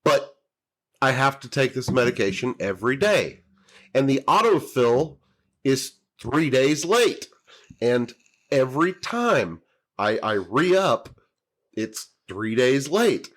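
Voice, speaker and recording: Lively man podcast co-host. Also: medium pitch. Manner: lively, swears, halting restarts. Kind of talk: casual chat.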